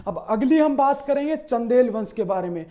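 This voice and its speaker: A male history teacher uses a mellow, soft tone to guide students through memory tricks. He asks himself questions and answers them immediately, wrapping up almost every point with a brief "okay." His voice is very high and expressive.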